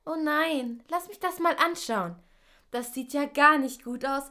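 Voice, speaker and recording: A woman voicing a busy, caring kindergarten teacher in a children's audio drama, brisk and practical. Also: high-pitched, pushed and bright.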